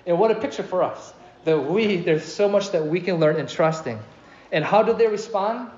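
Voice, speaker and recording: A man preaching a sermon as pastor, animated and asking his congregation questions. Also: high voice, normal speed. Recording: echoey, dull hall recording.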